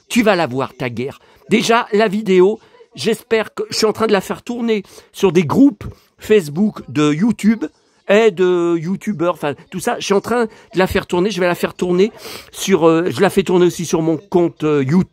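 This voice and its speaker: A man's voice: high voice, no echo. A man vlogging at home in a casual monologue, talking indignantly and rambling with many fillers and restarts. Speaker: YouTuber.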